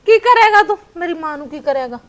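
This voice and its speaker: A woman's voice: very high voice, animated, quick pace, no room sound. A woman with a Punjabi accent acting a daughter in a village short film, wailing and accusing.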